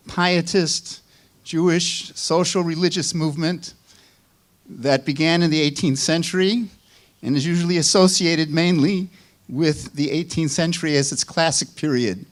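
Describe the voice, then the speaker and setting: An older man lectures at an unhurried pace in a Chicago accent. His voice sits somewhat high for a man. He speaks in a measured way, stopping for small asides and restarts. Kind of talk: academic lecture. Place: lecture hall.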